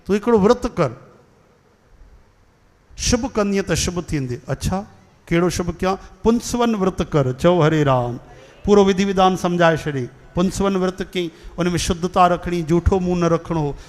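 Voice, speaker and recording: A man's voice: high voice, moderate pace, in a large hall. A man with a Sindhi accent giving a devotional sermon, telling stories and leading call-and-response chants. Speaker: kathavachak, religious storyteller.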